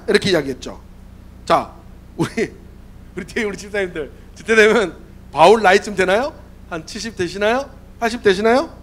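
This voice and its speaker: A youth pastor in his forties gives a youth sermon in a church sanctuary, using a worn, hoarse voice that sits high. His pitch leaps and dips throughout, and his lively, questioning style has him asking over and over whether listeners agree.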